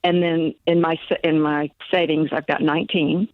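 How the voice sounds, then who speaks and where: A woman in her sixties calls in to a radio advice show over a tinny phone line. Her low voice has little pitch movement and a moderate pace, and she talks hesitantly with many fillers and restarts while crowd noise sounds in the background.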